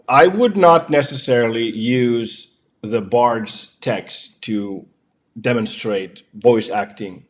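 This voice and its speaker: A man, a voiceover artist, chatting casually about voice software from his home office, with frequent fillers. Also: medium pitch. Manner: chatty, filler-heavy explaining. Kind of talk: casual tech review.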